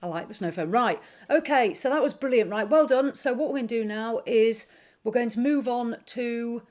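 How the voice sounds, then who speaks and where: A woman's voice: fairly high pitch, normal speed, a little mellow. A woman co-hosting a live stream in casual chat, speaking straight to viewers and encouraging them. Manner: encouraging, addresses viewers directly.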